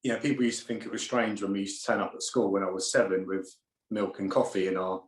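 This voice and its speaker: A man's voice: fairly low pitch, quick pace. Man, laughing storyteller, roomy echo. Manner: laughing storyteller, animated anecdotes. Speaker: interview guest. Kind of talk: casual interview chat.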